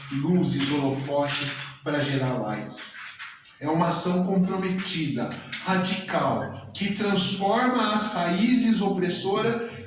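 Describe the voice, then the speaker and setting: A man with a Brazilian Portuguese accent preaching a sermon in a slow, measured way with deliberate pauses. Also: fairly high pitch. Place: church hall. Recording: very echoey church from a distance, audible noise.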